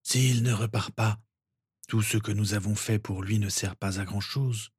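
A man voicing a kindly elderly wizard who speaks gently and a little wryly in a read-aloud story. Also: on the low side, steady tone, a little slow, slightly rough, dry recording, clean studio sound. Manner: gentle, wry.

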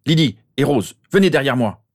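Man doing a gruff dad voice, curt and bossy, kinda louder. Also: mid-range voice, expressive, moderate pace, pitched above the performer's own voice, close to an everyday voice. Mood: commanding. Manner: commanding, curt. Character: suspicious, protective father, gruff.

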